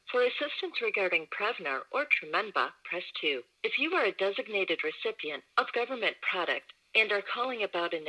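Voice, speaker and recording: Recorded phone menu lady, bright low-ish voice, calm scripted read over the line. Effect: recorded phone menu played over a phone line. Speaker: automated customer service line.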